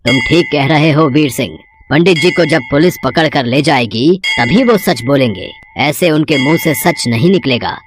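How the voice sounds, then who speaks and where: A woman's voice: low-pitched, expressive, normal speed, over music. A woman voicing a bossy middle-aged village headman in a cartoon story. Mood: harsh. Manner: bossy, commanding.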